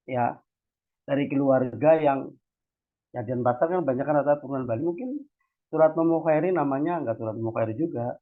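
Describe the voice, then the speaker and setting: Heard through tinny, phone-like online audio, this academic discussion host from Cilacap in Central Java, Indonesia, lectures informally in a conversational, slangy way. He repeatedly tacks on tags checking that listeners are keeping up. His mid-range voice is brisk, with frequent pauses.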